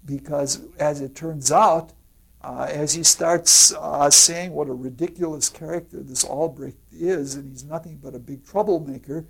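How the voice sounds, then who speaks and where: Guy giving a loose lecture, talks real slow, husky voice, lots of uhs and restarts. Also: fairly high pitch, steady tone, rough recording. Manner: halting, with frequent filler sounds and restarts. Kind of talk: informal lecture retelling an opera plot.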